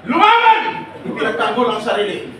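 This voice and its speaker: With a very high voice that swoops wildly in pitch, a middle-aged man speaks at normal speed at a seminar over a loud crowd, asking questions and laughing and joking often. This lively live lecture is heard from a distance in an echoey, noisy space.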